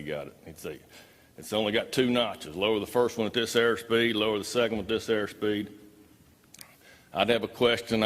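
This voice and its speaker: A man with a lowish, fairly bright voice tells a live audience about his own experience, delivering it in a folksy, emphatic style. The recording has the echo of a reverberant hall.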